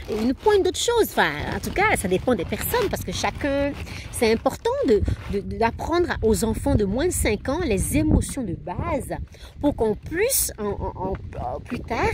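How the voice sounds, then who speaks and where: A woman's voice: on the high side, a little hiss or hum. A woman in her thirties, a parenting coach, talking casually and animatedly to the camera. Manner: animated, acts out her children's voices.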